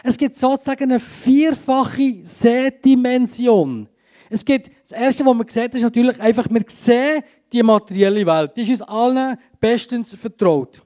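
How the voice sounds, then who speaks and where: A man with a Swiss German accent preaching a sermon in church, swinging between urgent emphasis and a hushed tone. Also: very high-pitched. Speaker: pastor. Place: church service.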